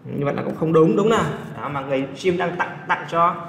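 Working step by step through exam answers, this English teacher from Vietnam keeps stopping to check that his students follow with quick questions. His voice is on the high side, gravelly and a bit bright. Recorded in an echoey room with faint background noise.

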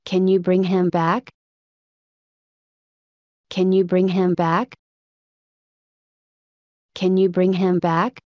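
Female teacher voice, slow repeated phrase drills, plain even reading, dry close sound. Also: lowish voice, no echo, highs cut off. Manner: plain, evenly paced model reading. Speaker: English phrase reader.

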